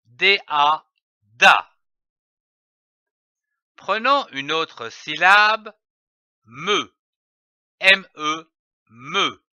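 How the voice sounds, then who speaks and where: A man giving a reading lesson, slowly spelling out letters and syllables with careful articulation. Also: on the high side, animated, sharp tone, clean tone, dry recording. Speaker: reading teacher. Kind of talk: slow, deliberate phonics lesson. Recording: dull, dry lo-fi voice-over.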